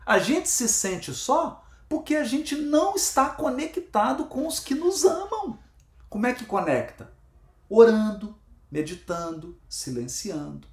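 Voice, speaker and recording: A man's voice: very high voice, very animated, measured pace, echoey room. A man leading a spiritist book study, emphatic and repetitive, asking his listeners questions. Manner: emphatic, repeats himself, asks the audience questions.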